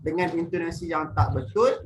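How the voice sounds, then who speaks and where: Speaking at a fairly high pitch and normal speed, a young man leads an online workshop for primary pupils. He keeps things upbeat and playful, calls himself big brother and has the kids answer back in call-and-response drills, over noisy webinar audio from a video call.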